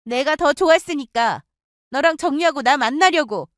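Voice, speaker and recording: A woman's voice: high voice, very animated, moderate pace, no echo, clean studio sound, pitched above the performer's own voice. A woman voicing a jealous, taunting young woman who gloats over stealing her friend's ex. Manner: smug, gloating and needling. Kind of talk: storytelling with acted dialogue.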